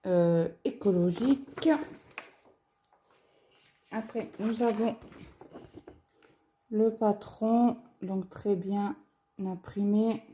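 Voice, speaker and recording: A woman's voice: medium pitch, fairly even intonation, extremely slow, long pauses, dark tone, slight background noise. A French woman presenting a cross-stitch kit in a casual, chatty unboxing vlog, talking through it with fillers and small hesitations. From France. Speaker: craft vlogger. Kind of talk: casual unboxing show-and-tell.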